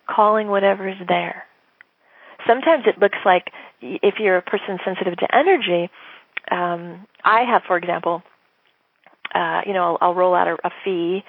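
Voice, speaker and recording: A woman sales coach teaches in an animated way, jumping into little acted-out sales calls to make her point. Her voice is husky and a little breathy. It comes through a narrow, tinny phone-like line with a dry, close sound. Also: on the low side, no room sound. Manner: animated, acts out sales dialogue. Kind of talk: teaching talk.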